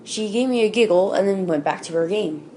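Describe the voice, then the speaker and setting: A woman's voice: mid-range voice, lively intonation, a little fast, mellow, slight background noise. Woman casually telling a creepy story. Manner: casual, with fillers and self-corrections. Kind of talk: casual spoken creepypasta reading.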